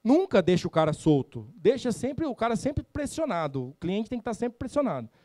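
A Brazilian man with a high, bright-sitting voice delivers a motivational sales talk on stage. He talks in a blunt, slangy way and acts out little dialogues with customers. The sound is dry and close, with little room echo. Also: big pitch swings, moderate pace. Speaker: sales trainer speaking at a summit. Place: event stage.

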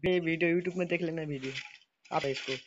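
A man's voice: a little high, steady tone, brisk, lo-fi sound, slight background noise. A man giving urgent, repeated callouts to his squad while playing a mobile battle royale game.

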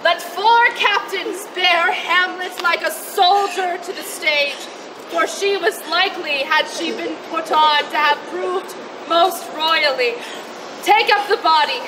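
A woman playing a commanding, solemn royal soldier in outdoor Shakespeare, formal and declamatory. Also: extremely high pitch. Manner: declamatory, formal, drawn-out phrases. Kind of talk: outdoor Shakespeare stage acting. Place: open-air plaza stage at night. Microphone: far camera. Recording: noisy outdoor stage, distant camera.

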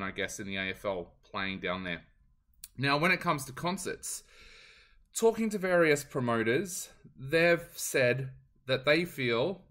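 A man's voice: mid-range voice, bright, forceful tone. A man with an Australian accent hosting a podcast, giving solo commentary in a loose, conversational way and passing on what promoters told him. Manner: conversational, frequent ums, relays what others told him. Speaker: podcast host.

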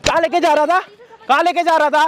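A man's voice: very high-pitched, fairly even intonation, quick pace, fairly bright tone. A man acting an angry bystander who confronts a harasser, barking the same questions again and again outdoors. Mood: aggressive. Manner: aggressive, barking repeated questions.

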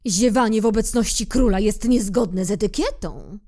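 A woman's voice: medium pitch, moderate pace, mellow, pitched above the performer's own voice, close to an everyday voice. A woman voicing a pompous old male king in a storybook reading, speaking in a commanding, self-important way.

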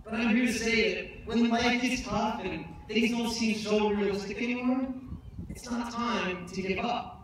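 This young commencement speaker has an extremely high-pitched voice and speaks at a measured pace, mixing earnestness with self-deprecating humor from a podium on an outdoor stage. Filmed from a distance, his podium mic comes through as noisy, echoing PA audio.

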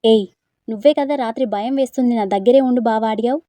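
Irritable young man in a storybook, curt and scolding, read by a woman, mellow tone. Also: fairly high pitch, fast talker, no echo, lightly acted. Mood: irritated.

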